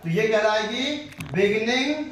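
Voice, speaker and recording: A woman with an Indian accent teaching a phonics lesson to a class, asking questions and repeating the answers slowly. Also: a little high, slight background noise. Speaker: primary school teacher. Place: classroom full of children. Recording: very echoey classroom, distant mic, children's voices. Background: children answering together.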